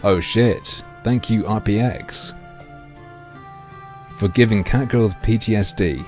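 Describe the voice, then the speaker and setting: A man livestreaming through a headset mic, reading a game aloud and joking crudely with his chat in a deadpan way. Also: on the low side, takes it slowly, faint music behind.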